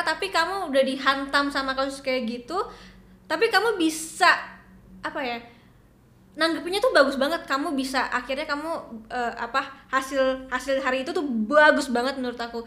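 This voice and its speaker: A woman's voice: sits high, fairly quick, pushed and bright. A woman interviewer hosting a casual chat, supportive and often searching for words. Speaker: interviewer host. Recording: echoey room.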